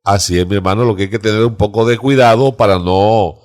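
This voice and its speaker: A man's voice: on the low side, a little fast, a little mellow. A man discussing scripture in a reflective, devout teaching tone on a church discussion show. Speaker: pastor. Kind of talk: Bible study discussion.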